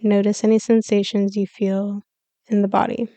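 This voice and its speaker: A woman serving as a yoga nidra teacher reads a scripted guided meditation, pausing between calm, soothing, measured instructions. Her pitch is medium, and the sound has no echo.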